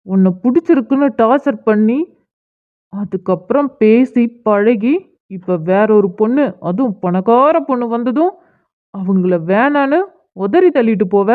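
A woman's voice: on the high side, lively intonation, normal speed, close to an everyday voice. A woman voicing an angry, protective schoolboy who scolds a man, in a cartoon. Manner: scolding, confrontational. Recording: tinny phone-like audio.

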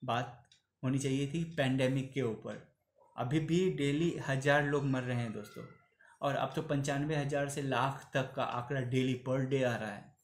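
A man's voice: medium pitch, fairly even intonation, a little slow, echoey room. A man in his thirties giving an earnest opinion commentary to camera in a small room, pleading and slipping into English phrases. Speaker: vlogger.

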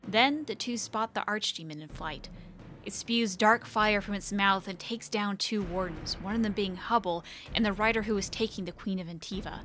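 A woman hosting a book channel, recapping novel chapters in an even storytelling read-aloud. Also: medium pitch, moderate pace, a little hiss or hum.

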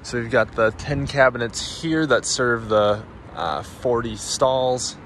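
Narrating a casual road-trip vlog, a young American man speaks matter-of-factly at a slow pace, his medium-pitched voice fairly bright. He's in a car and outdoor parking lots, and the recording carries noisy car and outdoor ambience.

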